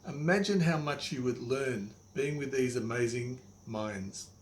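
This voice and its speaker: Older male, wise elder mentor type for motivational instruction. Didactic, plain-spoken, mid-range pitch, recorded in an echoey room. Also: unhurried. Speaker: money coach, presenter. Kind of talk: motivational instructional monologue to the viewer. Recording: echoey room, faint background noise.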